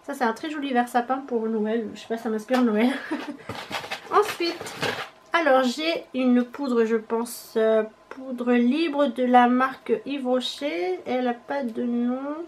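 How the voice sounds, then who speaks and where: Young female vlogger, high-pitched, casual and halting, faint background noise. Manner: chatty, hesitant, thinking aloud. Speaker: beauty vlogger. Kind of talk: casual unboxing chat.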